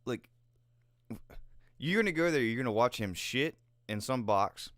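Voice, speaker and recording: A man's voice: mid-range voice, animated, a little slow, fairly bright tone, no echo, clean studio sound. A man in his twenties co-hosting a podcast, telling rambling, laughing stories in casual, profane chat. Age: 20s. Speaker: podcast co-host.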